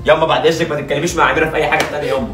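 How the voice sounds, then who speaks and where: A high-voiced Egyptian man playing a son who keeps pleading and smoothing things over, speaking at a very rapid pace. He is heard from afar in an echoey room, with faint music behind. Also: fairly even intonation, far from the mic. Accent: Egyptian Arabic. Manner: pleading, mediating. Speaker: son and brother in a family skit, video creator. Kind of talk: acted family drama sketch.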